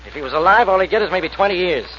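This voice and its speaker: A sarcastic, blustering cop in vintage radio drama. He talks fast in a high, swooping voice, on a dull old recording. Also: lively intonation, pushed and bright, slight background noise. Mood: skeptical. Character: gruff, sarcastic police homicide inspector. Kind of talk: 1940s radio acting.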